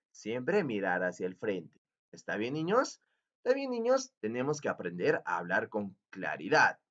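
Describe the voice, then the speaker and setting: A man teaching a lesson to young children, in a sing-song manner, slowing down to stress key words. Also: a little high, sharp tone. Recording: dull lo-fi recording.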